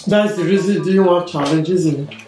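A woman's voice: fairly low pitch, moderate pace, warm tone, slight background noise. Woman, vlogger, mouth full of food, chatty, roomy sound. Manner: chatty, talks to viewers between bites. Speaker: mukbang vlogger, co-host with husband. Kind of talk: casual eating vlog chat. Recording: roomy echo with faint music.

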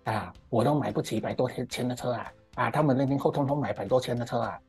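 Ranting emphatically about current affairs, this middle-aged speaker uses a Malaysian Mandarin accent, drawing out "ah" particles and dropping in English words. His medium-pitched voice is fast, a little mellow and slightly rough. The opinionated monologue has faint music behind it.

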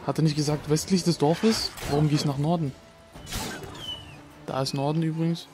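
A man's voice: a little high, fairly even intonation, moderate pace. A young man casually commenting on his gameplay, swearing and mocking himself while talking to the game. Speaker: let's play gamer. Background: game music.

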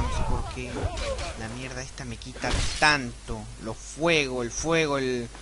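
Swearing young Argentine gamer. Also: male voice, a little high, background noise. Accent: Argentine Spanish. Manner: profane, excitable, yelps and shouts at the game. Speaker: let's play gamer. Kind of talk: casual gameplay commentary.

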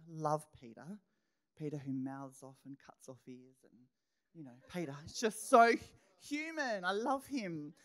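Here a middle-aged woman, a pastor with a deep voice, preaches energetically. She dramatizes what's going through her head and tosses in hushed, whispered remarks.

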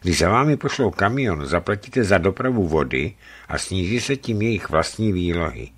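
Man reading as a gruff old ex-legion sergeant. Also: sits low, animated, heavily acted. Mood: confiding. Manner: blunt, confident, conspiratorial. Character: gruff veteran ex-legion sergeant, bold trader. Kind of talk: radio book reading.

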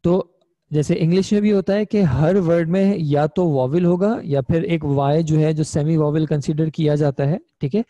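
A man's voice: fairly high pitch, fairly even intonation, normal speed, dark tone, dry recording, lo-fi sound. A young man teaching an online Arabic grammar class, explaining patiently step by step and checking in with his students. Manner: patient, explains step by step, often asks "ठीक है?".

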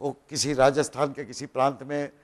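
A man's voice: mid-range voice, level tone, fairly quick. A middle-aged man giving a classroom lecture, explaining patiently step by step, asking rhetorical questions and mixing in English terms. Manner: mixes in English phrases and terms.

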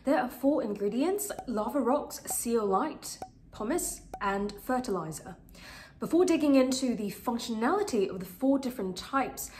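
In an echoey, roomy home recording, a houseplant channel host with a medium-pitched, darkish voice chats to camera about a product. She's an earnest plant vlogger whose voice is still recovering from being ill. Her casual review is talkative and sincere, full of fillers, filmed in a bright living room filled with plants.

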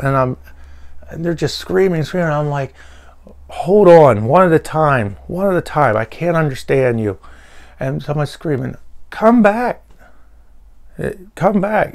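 A man's voice: mid-range voice, creaky. A man casually telling a personal story to camera, rambling with fillers and restarts. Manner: animated when quoting people. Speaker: vlogger.

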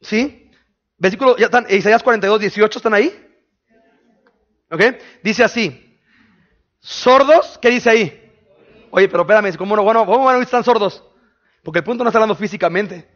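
A man preaching a sermon in a conversational way, firing quick questions at his listeners. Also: high-pitched, fairly bright tone, lo-fi sound. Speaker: pastor. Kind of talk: sermon teaching.

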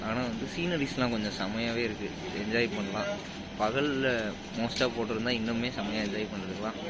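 A man's voice: fairly low pitch, brisk. A man filming a casual travel vlog on a train and chatting as he goes, with many fillers as he thinks aloud. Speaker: travel vlogger. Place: on a moving train. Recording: loud train noise. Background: loud train and air-conditioning noise.

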